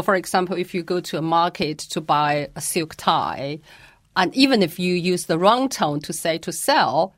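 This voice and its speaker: Woman, Mandarin teacher, patient explanations, slow delivery, dry recording. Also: fairly low pitch, no room sound. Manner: patient, careful, demonstrates pronunciations. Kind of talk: explanatory interview answers.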